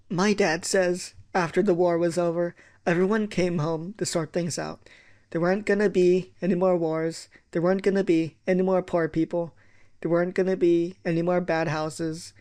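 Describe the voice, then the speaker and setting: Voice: mid-range voice, a little mellow. A reader performing children's poems aloud, acting out the lines with sound effects. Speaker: poetry reader.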